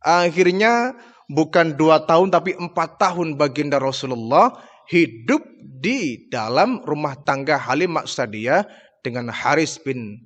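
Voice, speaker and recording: A male Islamic preacher telling a religious history story in an expressive, dramatic way. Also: mid-range voice. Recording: long hall reverb.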